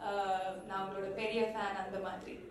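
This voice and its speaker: A woman giving a thank-you speech on stage at a film launch, switching between Tamil and English, pausing often with fillers. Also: mid-range voice, level tone, a little hiss or hum. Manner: unhurried, with many pauses and fillers. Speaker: actress speaking at a film launch. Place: large event hall. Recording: echoey hall from far off with crowd.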